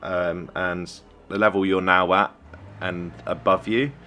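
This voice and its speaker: Low-voiced coach reviewing a replay. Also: male voice, steady tone, unhurried, pushed and bright, slight background noise. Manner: encouraging, conversational, praises plays. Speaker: esports coach. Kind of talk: video game replay review commentary.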